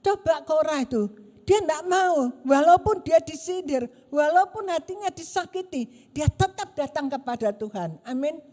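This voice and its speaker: A woman pastor preaching a sermon in a church and telling stories with animated, acted-out voices. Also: high voice, measured pace. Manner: animated storytelling, acting out quoted voices. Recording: long church-hall reverb.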